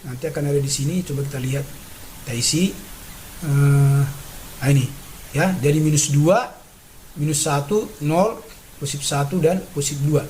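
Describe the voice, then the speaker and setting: A man's voice: a little high, moderate pace, long pauses, darkish tone, a little hiss or hum, low-quality recording. A man teaching a chemistry lesson step by step, patient and repetitive, often checking in with "ya" and "nah". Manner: patient, repeats steps, frequent "ya" and "nah" checks. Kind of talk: classroom lesson explaining on a board.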